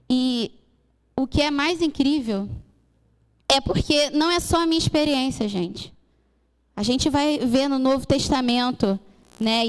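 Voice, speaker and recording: High-voiced woman preaching in a hall. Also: smooth. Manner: earnest storytelling, acts out dialogue, addresses congregation as "gente". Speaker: church speaker sharing mission testimony. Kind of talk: testimony sermon. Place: church hall. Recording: church hall with long reverb.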